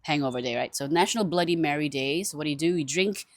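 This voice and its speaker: Woman, low voice, dry close sound, chatty, laughs a lot. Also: quick pace, no room sound. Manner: animated, chatty, laughing often, self-mocking. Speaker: vlogger. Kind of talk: casual chat to camera.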